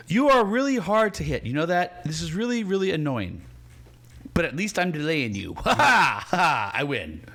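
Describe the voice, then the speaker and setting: A man's voice: a little high, sing-song, measured pace, pauses often, a bit bright, full character voice. A man voicing a gloating old cult villain in a tabletop game, taunting with theatrical menace. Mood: smug taunting. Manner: gloating, theatrical evil laughter.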